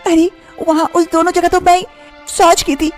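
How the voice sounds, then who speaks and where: A woman voicing a frightened young village daughter-in-law in an animated story, who frets and talks to herself aloud. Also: very high-pitched, moderate pace, soft background music. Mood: earnest.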